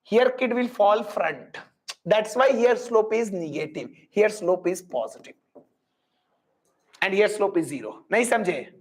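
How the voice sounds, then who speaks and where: A man's voice: high voice, expressive, measured pace. A man with an Indian accent teaching a live physics class, explaining step by step, repeating phrases and putting questions to students with Hindi tags mixed in.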